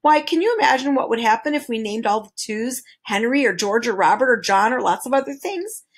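A woman's voice: a little high, animated, fairly quick, husky. A woman voicing a fussy, precise male creature with twelve faces, lecturing in a storybook reading. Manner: lecturing, pedantic, exclamatory.

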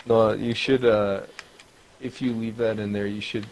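A man's voice: on the low side, flat delivery, measured pace, a little mellow, a little hiss or hum, poor audio. A man in casual gaming chat, cracking crude, teasing jokes at his friends. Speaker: gamer.

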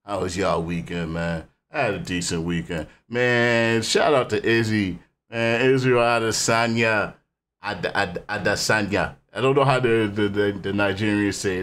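A man hosting a music reaction channel who talks casually, rambling and animated, often dropping the word "man". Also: fairly low pitch.

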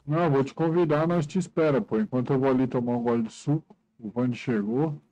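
A man's voice: medium pitch, brisk, rough recording. A middle-aged Brazilian man streaming a game with a headset, joking and teasing his friends in casual chat. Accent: Brazilian Portuguese. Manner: jokey, teasing, animated banter.

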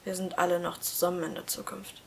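A woman voicing a quiet, gentle teenage schoolboy who speaks in a soft, half-whispered way while reading a story aloud. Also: on the low side, level tone, slow, slight background noise. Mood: hushed resigned.

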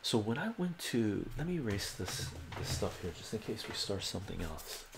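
With a sing-song lilt and vocal fry, an older man whose first language is Armenian speaks at normal speed in a voice on the low side. He hosts a casual livestream from home, rambling and correcting himself through viewers' questions, with reverberation and background noise in the sound.

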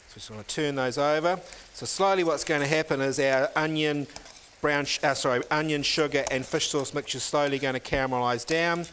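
The voice is a man's, medium in pitch with a fairly bright tone, and the lapel-mic recording carries a slight hiss or hum. He's a middle-aged cooking show chef in a teaching kitchen, explaining a recipe step by step as he cooks.

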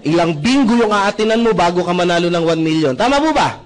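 A man's voice: sits high, a little fast. A young man from the Philippines telling a live audience his story, acting out quotes and often asking the crowd for agreement. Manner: animated, acts out quotes, asks the audience "right?". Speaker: speaker giving a testimony to an audience.

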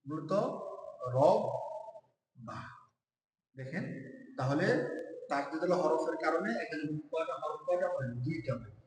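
High-voiced man teaching in an echoey hall. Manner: repeats syllables slowly and asks the viewers quiz questions. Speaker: Quran reading teacher. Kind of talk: step-by-step classroom lesson. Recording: very echoey room with long reverb.

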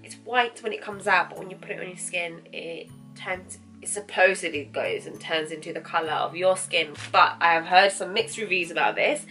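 A young woman talks through a fashion try-on haul with a bright, forward voice. She is chatty and excitable and speaks right to her viewers. Her pitch sits in an ordinary middle range. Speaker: fashion vlogger.

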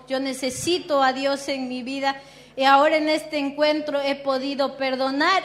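Woman, high voice, emotional church testimony, lots of "eh" and "este". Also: fairly bright tone. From Peru. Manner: emotional, halting, with many fillers. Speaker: church member giving testimony.

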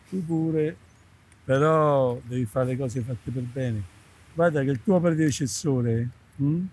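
A man's voice: fairly high pitch, dark tone, a little hiss or hum, close to an everyday voice, rough recording. An actor with an Italian accent playing a lonely treasure hunter on a beach, talking fondly to his metal detector as if it were a companion. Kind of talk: film acting. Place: beach outdoors.

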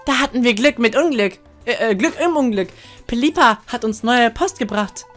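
A woman voicing an earnest little monster hero from a video game, excitable and protesting. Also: on the high side, moderate pace, soft background music, voice pushed up. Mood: determined.

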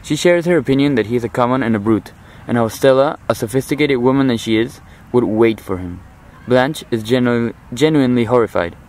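A man's voice: mid-range voice, a little fast, few pauses, darkish tone, poor audio. Teenage boy giving a formal literary commentary. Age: teens. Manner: formal, earnest, analytical. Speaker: high school student.

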